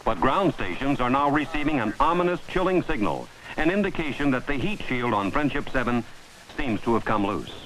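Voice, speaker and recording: A man's voice: medium pitch, sing-song, fairly quick, rough recording. A man reading a scripted 1960s documentary narration in a solemn, dramatic manner. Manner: dramatic, solemn, ornate phrasing. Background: loud music.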